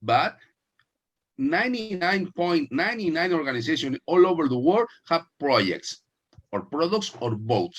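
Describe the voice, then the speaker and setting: A man hosts a casual online interview. His pitch swings widely as he talks, and he often restarts his sentences. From Mexico. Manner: halting, many restarts, lively laughing emphasis. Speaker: host. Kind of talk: casual video-call interview.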